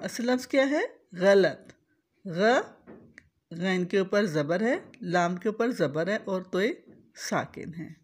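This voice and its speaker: Slow, deliberate teacher woman. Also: mid-range voice, expressive, breathy edge. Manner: spells out vowel marks letter by letter, repeats words. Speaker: Urdu pronunciation teacher. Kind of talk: slow, deliberate instructional explanation.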